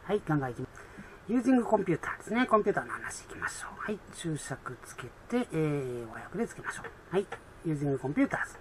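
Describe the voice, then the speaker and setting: A woman explaining an English exam in a chatty way with many fillers, reading English lines slowly and. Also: low-pitched, sing-song, a little hiss or hum.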